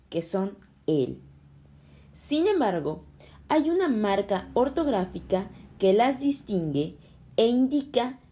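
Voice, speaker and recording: A woman reading a scripted lesson for schoolchildren, explaining slowly and clearly. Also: mid-range voice, dark tone. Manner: slow, clear, explaining to children. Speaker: teacher.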